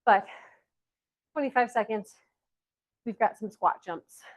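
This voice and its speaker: A woman's voice: fairly high pitch, slow pace, rough recording. Winded Southern woman coaching a workout. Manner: energetic countdowns, pushy encouragement. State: out of breath. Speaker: fitness coach. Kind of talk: live workout class cues.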